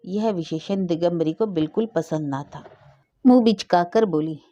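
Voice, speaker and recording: A woman storyteller reading a story aloud in a measured, even way. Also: fairly low pitch, highs cut off. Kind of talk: story narration.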